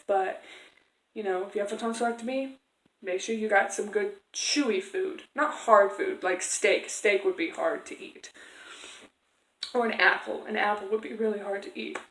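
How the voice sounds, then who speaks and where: A woman telling a personal story casually to camera as a vlogger, in a rambling, conversational way. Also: mid-range voice. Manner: rambling, conversational, acts out quoted exchanges. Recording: echoey room.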